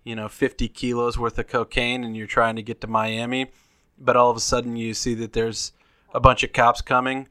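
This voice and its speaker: A man with a bright, forward voice talks loosely in a casual podcast chat. He rambles and speculates, often restarting his sentences. The sound is dry and close, with little room. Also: medium pitch, level tone, normal speed, clear, resonant tone, no echo. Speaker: podcast co-host.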